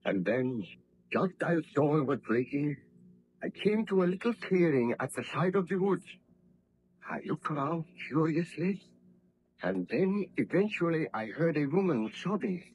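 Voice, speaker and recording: An actor playing a guilt-ridden, commanding baron scientist in a formal, declamatory 1930s radio drama style. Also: male voice, fairly high pitch, big pitch swings, measured pace, a little mellow, husky, full character voice. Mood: grave, haunted. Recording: muffled old radio drama recording.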